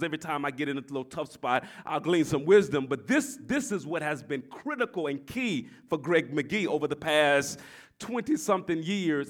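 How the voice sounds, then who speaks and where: A pastor in his forties preaching a sermon, swinging from shouted exhortation to quiet, confiding talk, and repeating his phrases. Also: high-pitched. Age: 40s. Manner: repeats phrases and tells the congregation to address their neighbor.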